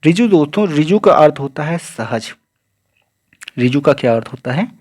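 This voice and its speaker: A male teacher giving an exam-prep grammar lesson, asking questions and answering them himself, with a steady refrain of "okay, friends". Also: a little high, moderate pace, no room sound, clean studio sound. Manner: repeats "ठीक है दोस्तों" and asks then answers his own questions.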